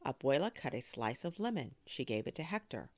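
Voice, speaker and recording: A woman hosting a storytime, reading a children's book aloud in an expressive, animated way. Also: very deep voice, brisk, dry recording. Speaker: storyteller host.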